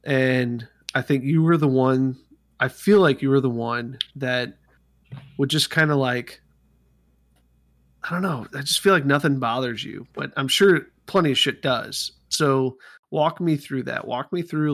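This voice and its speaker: A man's voice: mid-range voice, measured pace, a bit bright, no echo, studio quality. A man co-hosting a podcast in a casual group chat, asking questions in an informal, conversational way. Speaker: podcast co-host.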